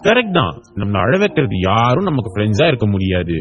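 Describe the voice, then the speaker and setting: A man playing a gentle, coaxing kind man. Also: on the low side, very animated, a little fast, highs cut off. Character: kind gentle adult man comforting a child. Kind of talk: audiobook character voice.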